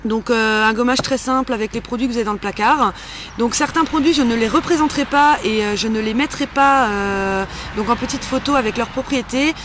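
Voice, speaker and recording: Brisk and fairly bright, a woman's slightly high voice carries a homemade beauty-care tutorial, delivered as a chatty, playful, informal walkthrough of the steps. Slight background noise is present.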